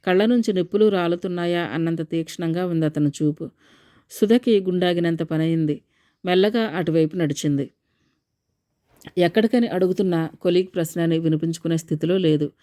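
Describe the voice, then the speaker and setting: A woman reads a novel aloud in a measured, even storytelling voice. Her tone is mellow and warm, pitched on the lower side. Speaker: audiobook narrator. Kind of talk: scripted narration of a novel.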